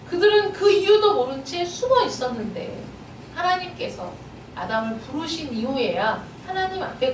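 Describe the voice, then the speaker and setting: A woman pastor preaching to her congregation, her voice very high and full of rising and falling swings. She keeps pressing earnest rhetorical questions on her listeners. The sound is roomy and echoey, picked up from some distance. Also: slight background noise. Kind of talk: sermon. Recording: echoey room, voice a bit far from the mic.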